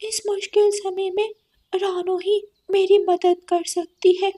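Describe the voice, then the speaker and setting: A woman voicing a grieving young widowed female crow who laments in a high, tearful voice. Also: steady tone, slow, darkish tone. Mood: weeping.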